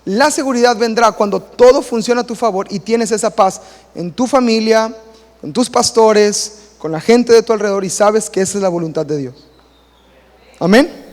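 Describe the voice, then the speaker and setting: High-pitched pastor preaching in a hall. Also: male voice, normal speed. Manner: animated, acts out quoted voices and stories. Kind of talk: sermon. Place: church hall.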